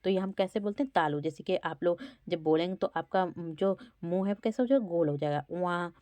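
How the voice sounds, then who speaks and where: Here a woman teacher moves fairly quickly through exam quiz questions, pronouncing every letter aloud to show where it comes from in the mouth. Her voice is lowish and mellow, and the recording is dry.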